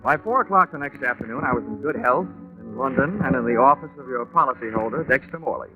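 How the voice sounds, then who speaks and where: A man's voice: mid-range voice, animated, fast talker, lightly acted. A man playing a dry, wisecracking insurance investigator who narrates, in 1950s radio detective style. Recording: muffled old radio recording with music.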